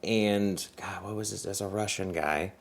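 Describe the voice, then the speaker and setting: A young man co-hosts a casual chat, rambling and reflective as he searches for his words. His voice is very deep and low. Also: unhurried. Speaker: co-host.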